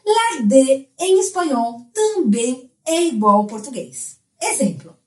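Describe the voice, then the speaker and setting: A woman who is a Spanish teacher, explaining a language lesson in a clear, explanatory way. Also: high-pitched, sing-song, takes it slowly, darkish tone, echoey room.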